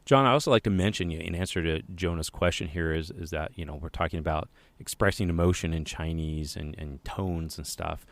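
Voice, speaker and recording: Upbeat low-voiced podcast co-host, a man. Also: brisk, hardly any pauses, no room sound. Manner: enthusiastic, upbeat, with frequent fillers. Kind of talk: casual chat.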